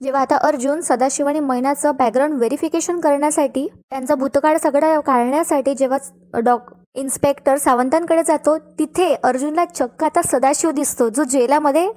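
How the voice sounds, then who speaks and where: High-voiced woman retelling a serial episode. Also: steady tone, a little mellow. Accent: Marathi. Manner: brisk storytelling, addresses viewers directly.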